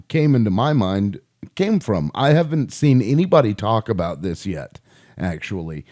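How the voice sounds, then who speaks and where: Between audio clips, a video commentator offers his informal opinions in a medium-pitched, mellow voice. He hammers his points home with emphasis and repetition.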